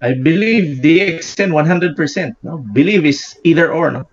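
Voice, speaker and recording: A man's voice: a little high, normal speed. A man in his fifties on a video call, talking animatedly and often ending points with a questioning "no?". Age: 50s. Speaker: guest speaker. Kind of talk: casual video-call interview. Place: indoor room with bookshelves. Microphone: earphone mic on video call. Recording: dull lo-fi video call audio.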